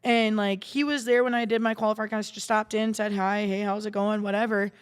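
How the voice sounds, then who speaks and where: A woman's voice: medium pitch, fairly even intonation, fairly quick, smooth, in a large hall. A woman guest in a podcast studio telling stories in casual chat, rambling with many restarts and fillers. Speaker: guest, salon owner and darts player.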